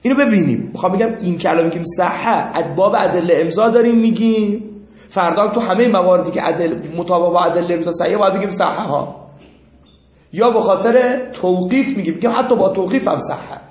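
Higher-voiced man lecturing in an echoey room. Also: darkish tone. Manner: explains by example, quizzes students. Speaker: teacher. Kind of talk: classroom lecture. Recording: echoey room, muffled lo-fi sound.

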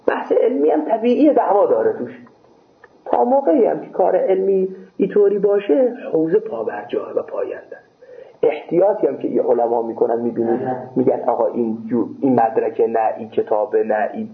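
A man, a seminary scholar, telling a lively story about his exam in a casual interview and acting out the dialogue. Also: mid-range voice. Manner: lively retelling with quoted back-and-forth dialogue. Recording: tinny phone-like sound, echoey room.

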